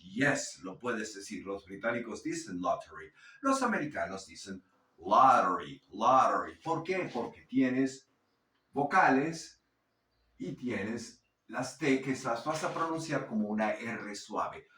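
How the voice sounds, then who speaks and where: A man teaching English pronunciation in a lesson, drawing out example sentences slowly between explanations. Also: medium pitch, sing-song, a bit bright, echoey room, distant mic. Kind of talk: language lesson.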